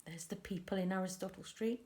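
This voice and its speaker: A woman reads a picture book aloud to small children, putting expressive, deliberate stress on the words and making chatty remarks about the illustrations. Her voice is husky and sits in the middle range.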